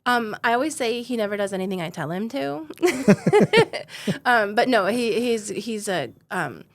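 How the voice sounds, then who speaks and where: A woman in her forties who founded a defense company tells her story as an interview guest. Her fairly high voice has lively intonation and a slightly slow pace, and she's easygoing, laughing often and saying "um" a lot.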